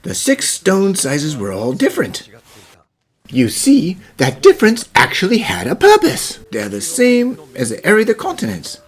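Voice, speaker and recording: A man voicing a composed, thoughtful gentleman professor who explains things formally in an animated fan dub. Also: high voice, normal speed, breathy edge, full character voice. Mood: explanatory. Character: gentlemanly puzzle-solving professor, thoughtful, devoted father.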